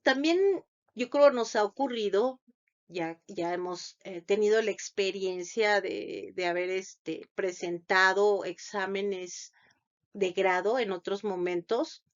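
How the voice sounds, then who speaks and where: Slow, halting woman lecturing. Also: mid-range voice. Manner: halting, many fillers and restarts. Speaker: lecturer on thesis defense. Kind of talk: unscripted lecture. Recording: dull lo-fi sound.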